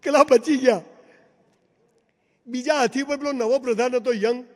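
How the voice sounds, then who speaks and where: A man's voice: very high-pitched, fairly even intonation, moderate pace, a little mellow. A man giving a live motivational seminar speech in a large hall, telling stories emphatically and addressing the crowd directly. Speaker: motivational speaker. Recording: long hall reverb.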